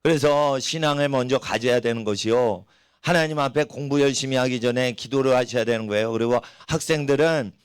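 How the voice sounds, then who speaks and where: Man, middle-aged pastor, sermon, folksy storyteller, dry, mid-pitched voice. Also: smooth, dry recording. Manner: folksy, acts out voices of people and animals in his stories. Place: church.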